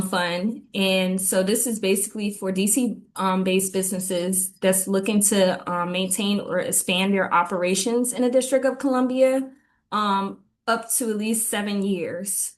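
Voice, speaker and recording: A woman giving community updates at a neighborhood commission meeting, halting with frequent ums and slightly out of breath. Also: medium pitch, steady tone. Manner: halting, many ums, reads list of items. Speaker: city government liaison giving community updates.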